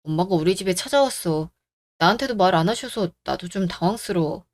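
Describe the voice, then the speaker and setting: A voice actor playing a young husband in a radio drama, caught between his wife and his mother and trying to smooth things over. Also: high voice, expressive, fairly quick. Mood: anxious. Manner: soft, placating.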